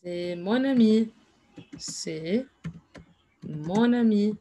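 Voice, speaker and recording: A woman teaching slowly and patiently from her desk, repeating every phrase and slipping in English asides. Her voice is mellow and unhurried. Faint noise and keyboard clicks sit behind her. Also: mid-range voice, lively intonation. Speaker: French teacher. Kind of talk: slow classroom explanation with English asides.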